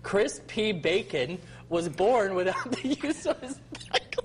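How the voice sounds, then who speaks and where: Heard in just one ear, this played-back news report comes from a reporter whose slow reading keeps breaking into held-back laughter. The voice rises and falls widely, with a faint hiss beneath it. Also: mid-range voice, sing-song. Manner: struggling to hold back laughter while reading. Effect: audio in one channel only, one ear. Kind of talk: news report read on air.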